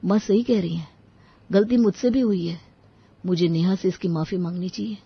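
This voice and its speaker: A woman's voice: lowish voice, moderate pace, creaky, breathy edge, muffled recording, heavily acted. Woman doing an indignant young husband. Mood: troubled. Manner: indignant, raises voice. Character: hot-tempered young married man, protective son.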